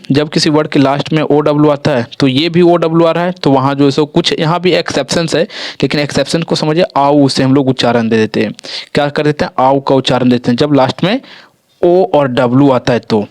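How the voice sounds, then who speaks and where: A man's voice: a little high, darkish tone, no room sound, clean studio sound. A man teaching English pronunciation rules in a lesson, repeating each rule and example and often checking in with the learners. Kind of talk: explanatory lesson.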